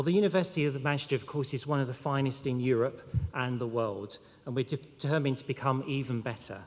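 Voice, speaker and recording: Addressing graduates at a formal ceremony, a man who is a university official talks measuredly, with pauses and the odd filler. His pitch is medium and his accent non-local rather than Mancunian. The recording carries the long reverb of a large hall.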